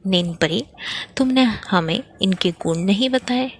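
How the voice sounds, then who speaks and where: A woman voicing a stern, scolding queen of the night in a children's play, speaking slowly. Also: mid-range voice, slightly rough, no echo. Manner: scolding, commanding.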